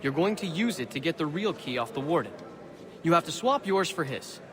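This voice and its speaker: Man as a lively, high-voiced scheming convict. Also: brisk, crowd noise, natural voice. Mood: sly, coaxing. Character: wry scheming male convict forger, self-assured plotter.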